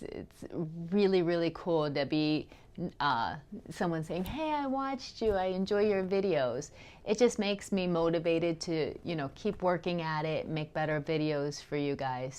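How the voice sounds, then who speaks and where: A woman's voice: low-pitched, a little mellow, smooth. Chatty woman vlogging on a cruise. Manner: chatty, rambling, with fillers and laughs. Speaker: travel vlogger. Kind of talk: casual travel vlog.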